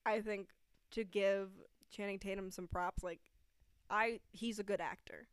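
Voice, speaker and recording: A woman's voice: mid-range voice, steady tone, unhurried, clean tone, no echo, clean studio sound. A woman co-hosting a podcast in casual chat, talking loosely with lots of "like" and laughing as she retells movie scenes. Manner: chatty, heavy use of "like", laughs while retelling scenes. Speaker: podcast co-host.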